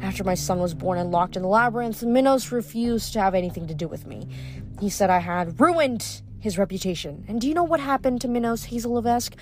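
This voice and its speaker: A woman's voice: medium pitch, animated, fairly quick, a little mellow, soft background music, lightly acted. A woman voicing a spiteful, scheming sorceress queen who sneers and mocks. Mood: bitter. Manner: sneering, mocking, dismissive.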